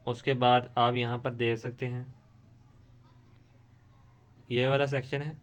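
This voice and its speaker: A man's voice: mid-range voice, level tone, slow pace. A man, hosting a screen-recorded tutorial and explaining steadily, with frequent restarts. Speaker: tutorial host.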